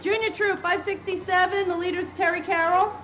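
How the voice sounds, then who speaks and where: A woman troop leader, out of breath, briskly reading out troop names at an outdoor parade in the rain. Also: very high voice, fairly even intonation. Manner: brisk list-reading, shouting at times. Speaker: Girl Scout troop leader. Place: outdoors at a rainy town parade. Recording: noisy outdoor recording with crowd.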